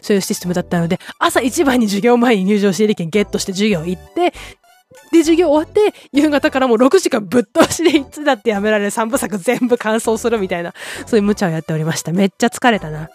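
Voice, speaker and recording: A woman's voice: mid-range voice, a little mellow. A woman hosting a podcast, chatting casually and enthusiastically about films and acting out quoted lines. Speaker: podcast host. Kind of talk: casual film chat.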